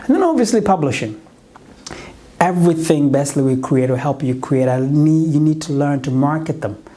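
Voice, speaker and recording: Animated and a little fast, a middle-aged man from Uganda gives an earnest motivational pitch as a business coach in a warm tone. English isn't his native language, and he often restarts and corrects himself.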